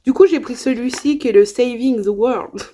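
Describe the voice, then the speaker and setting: A woman's voice: a little high, normal speed, dark tone, slight background noise. A young woman chatting casually in a haul video, enthusiastic and full of asides and fillers. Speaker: beauty vlogger.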